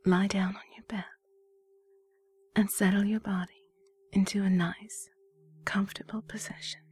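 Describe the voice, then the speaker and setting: A woman whispering slow, soothing guided relaxation instructions as a hypnotist. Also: mid-range voice, little pitch movement, darkish tone, husky.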